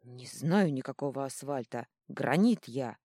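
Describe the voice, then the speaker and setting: A woman's voice: sits low, sing-song, a little slow, warm tone, breathy edge, dry recording, clean studio sound, heavily acted. A woman doing a grumbling old stone troll. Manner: grumbling, blunt. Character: gruff ancient male stone troll.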